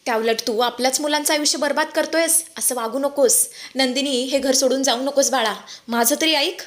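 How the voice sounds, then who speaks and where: Woman reading as a worried older dad, urgent, slightly high voice. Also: fairly even intonation, moderate pace, lightly acted. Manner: urgent and pleading. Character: anxious older father of the family.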